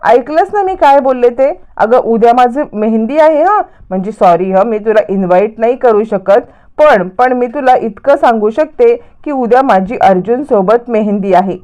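A woman voicing a brash young bride who shouts and taunts her rival in a retold serial story. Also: on the high side, moderate pace, natural voice. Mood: taunting shout.

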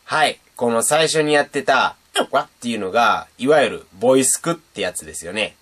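Speaking a little fast in a mid-range voice, a young man from Japan gives a casual beatboxing lesson on his channel, chatting animatedly and demonstrating the sounds.

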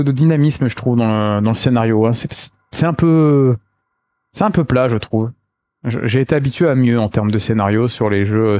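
A male let's play host chats casually and slangily to his viewers, musing aloud as he comments on the game. His mid-range voice is a little mellow and has no echo.

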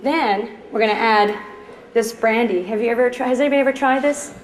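Speaking a little fast in a slightly high voice, a chatty Trinidadian chef gives a live cooking demonstration to an audience in a department store's demo kitchen. The store is echoey, and she stays upbeat, joking with the crowd.

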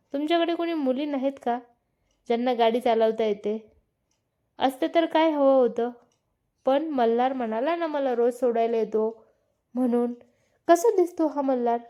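A woman voicing a young husband who is sulky and jealous, asking needling questions in a mellow voice. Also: sits high, normal speed, pauses often, lightly acted.

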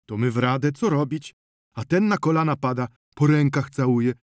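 A man voicing an anxious male village peasant who loudly and urgently retells an accident in an audiobook. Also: mid-range voice, moderate pace, no echo, studio quality, voice pushed up, natural voice. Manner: loud, urgent, breathless retelling.

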